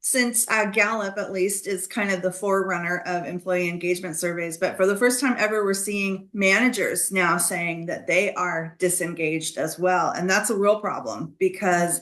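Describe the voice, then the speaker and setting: A woman's voice: on the low side, moderate pace, few pauses, a bit bright. A woman guest speaker giving a conversational talk on employee engagement over a video call, emphatic with light laughs.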